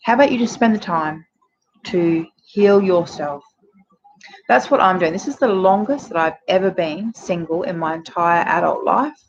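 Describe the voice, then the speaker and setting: A woman's voice: on the low side, moderate pace. Frank, chatty woman in her forties. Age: 40s. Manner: frank and chatty, heavy with fillers. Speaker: relationship advice vlogger. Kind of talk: casual direct-to-camera advice. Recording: dull lo-fi sound with faint noise.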